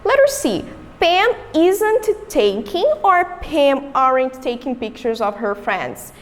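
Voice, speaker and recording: A woman's voice: high voice, sing-song, slow pace, long reverb tail. A woman with a Brazilian Portuguese accent, an English teacher giving a recorded remote lesson, explaining step by step and answering her own questions.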